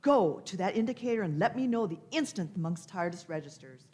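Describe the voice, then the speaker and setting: A woman's voice: mid-range voice, expressive, a little fast, darkish tone, natural voice. A woman playing an imperious, eccentric elderly time-traveller in a radio play, fussy and theatrical, repeating her phrases. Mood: brisk, explanatory. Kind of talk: live staged radio play.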